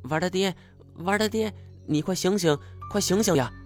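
A man's voice: high voice, brisk, soft background music, voice pushed up, natural voice. A man voicing a frantic middle-aged rural farm wife who pleads urgently.

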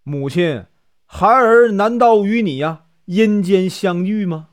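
A man performs a young prince in a spoken tale, quick to scorn at first and then reduced to frantic begging. The voice climbs in pitch when he is desperate. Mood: pleading. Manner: pleading, then boastful. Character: proud young prince turned pleading and desperate.

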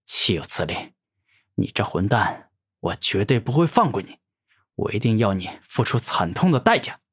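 A furious monster warlord, voiced by a man in a fantasy audio story, growling threats in a low, heavy voice. He is arrogant and hot-tempered, and his pitch swings all over the place. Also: sing-song, moderate pace, husky.

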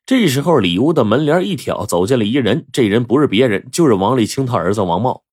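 A man telling a story in a lively, chatty way, with asides and rhetorical questions to the listener. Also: medium pitch, quick pace, husky, no room sound, studio quality. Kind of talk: storytelling narration.

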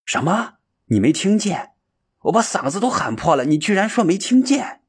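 A jumpy young villager, as a man puts him on, stammering and exclaiming in a raised voice. His voice is hoarse and husky and swings up and down a lot. He is an easily frightened storybook lad. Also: a little high, very animated, moderate pace, pitched above the performer's own voice, exaggerated voice. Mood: exasperated.

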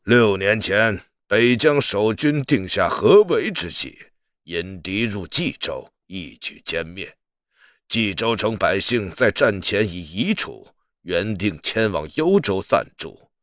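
Give me a solemn old general, loyal and grave. The voice sits very low and moves slowly, each sentence weighed. It sounds close and dry, like an audiobook studio. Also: male voice, fairly bright tone, no echo. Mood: earnest. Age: older. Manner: grave, measured. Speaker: voice actor in an audio drama.

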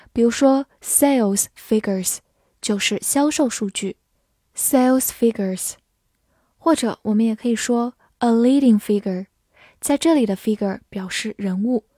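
A woman teaching vocabulary, explaining words patiently, spelling them letter by letter and repeating sentences slowly. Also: fairly high pitch, mellow, no room sound, studio quality. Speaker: English teacher. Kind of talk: vocabulary lesson, spelling and slow read-alouds.

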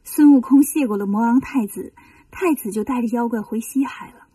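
Mellow, breathy woman storyteller. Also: a little high, moderate pace, no room sound, far from the mic. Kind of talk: children's storybook reading.

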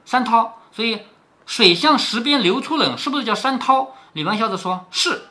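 A man's voice: extremely high pitch, lively intonation, moderate pace, bright, forceful tone. A middle-aged man reading a classic novel aloud and stopping to explain it in plain talk, often asking "right?". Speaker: storyteller reading a classic novel to his daughter.

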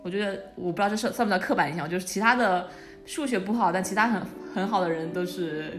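Young female co-host, fast chatty delivery, mid-range voice. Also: medium pitch, music in the background. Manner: chatty, laughs often. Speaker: podcast co-host. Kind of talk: casual chat.

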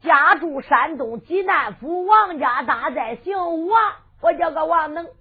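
A woman with a Henan accent voicing a boastful, defiant young male hero, speaking more quietly and mockingly. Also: high voice, animated, a little slow. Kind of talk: sung storytelling with dialogue. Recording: tinny lo-fi recording with faint fiddle music.

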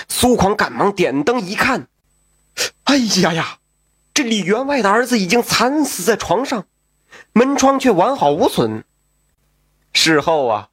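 A man narrating a traditional tale in an animated way, with asides to the listener. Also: sits high, no room sound, clean studio sound. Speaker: storyteller.

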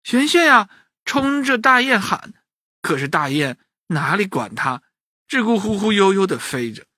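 A man narrating a children's bedtime story, lively and speaking to the kids directly. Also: high voice, a little slow, dry recording, studio quality.

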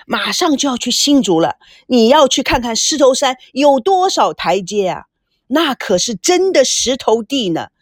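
A woman's voice: high voice, no room sound, studio quality, voice pushed up. A woman voicing a chatty, teasing woman on a film crew who likes to needle her friends. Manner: chatty and teasing, lots of drawn-out particles.

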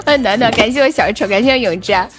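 A woman's voice: fairly high pitch, a little fast, music in the background. A woman hosting a casual livestream, giggling often as she chats with a co-player and thanks viewers. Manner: giggly, lively, often laughing. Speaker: livestream host.

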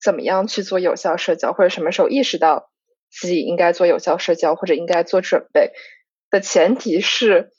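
A woman's voice: fairly low pitch, brisk, darkish tone, slightly rough, no echo. A woman co-hosting a podcast, reflecting and thinking aloud in casual chat. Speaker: podcast co-host. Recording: dry, dull lo-fi sound.

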